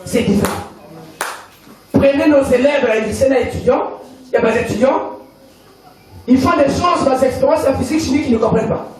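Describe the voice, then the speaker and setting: A high-pitched Congolese pastor preaches emphatically in a church hall, repeating his points while the congregation calls back amen in a call-and-response. He talks a little fast and pauses often. The mic is far off in the echoey hall, so the crowd's voices and other background noise come through clearly.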